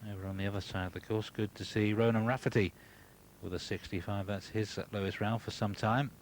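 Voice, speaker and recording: Low-voiced male golf commentator, understated delivery. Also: fairly even intonation, brisk. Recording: broadcast with clear background noise.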